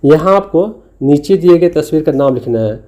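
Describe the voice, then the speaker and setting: A man's voice: fairly high pitch, lively intonation, moderate pace, mellow, highs cut off. A man teaching Urdu letters over slides, patiently sounding out letters and syllables one by one. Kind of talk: recorded lesson explaining a slide.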